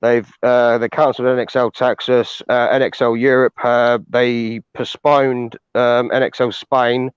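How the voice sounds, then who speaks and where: A man from the UK speaks in an earnest, measured way, with an "um" now and then. The sound is dry and muffled, close to lo-fi. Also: mid-range voice, level tone, clean tone, no echo. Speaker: guest. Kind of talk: casual chat.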